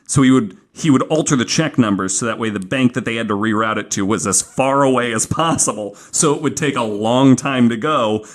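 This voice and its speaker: A man with a mid-range voice talks a little fast with few pauses. He hosts a podcast, telling a true-crime story casually from notes, swearing now and then and acting out quoted remarks.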